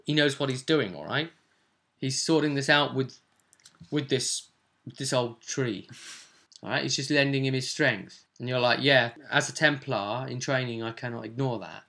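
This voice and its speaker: Speaking as a game master, a man recaps a tabletop role-play session in a casual, chatty way, acting out bits as he goes. His mid-range voice is creaky and sharp, and he keeps a moderate pace.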